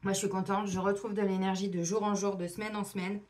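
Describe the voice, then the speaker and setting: A middle-aged woman doing a casual oracle card reading, chatty and animated, acting out little imagined dialogues. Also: medium pitch, fast talker. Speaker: tarot and oracle card reader.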